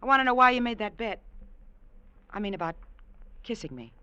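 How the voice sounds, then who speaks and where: A woman's voice: fairly high pitch, lively intonation, a little fast, sharp tone, clear, resonant tone, no room sound. Pleading young saloon woman. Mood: guarded. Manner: pleading, emotional. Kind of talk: old-time radio drama acting. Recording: dry, dull old radio recording.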